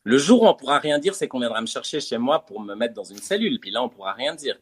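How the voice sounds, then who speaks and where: A man's voice: medium pitch, big pitch swings, fast, husky. A man in a casual conversation, talking in a reflective, hesitant way with fillers.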